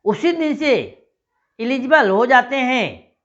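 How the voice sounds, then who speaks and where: Speaking slowly and expressively in a fairly bright voice, a man promotes a job scheme straight to his audience, repeating points as he answers their imagined questions. The recording has its highs cut off.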